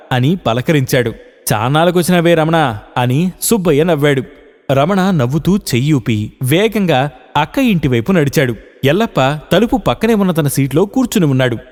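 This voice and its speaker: Expressive male radio storyteller. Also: a little high, in a large hall. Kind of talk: scripted story narration.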